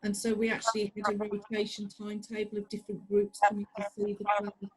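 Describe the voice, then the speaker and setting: Woman educator, panel guest, halting, full of fillers. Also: mid-range voice, monotone, slightly rough, low-quality recording. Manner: hesitant, many fillers. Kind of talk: online panel discussion.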